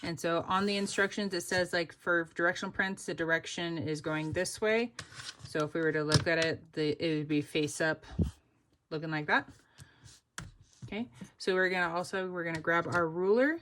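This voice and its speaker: With slight background noise behind her, a young pattern designer leads a step-by-step sewing tutorial in a fairly low, somewhat bright voice at a moderate pace. She keeps it casual and upbeat, filling her chat with "like" and "oop".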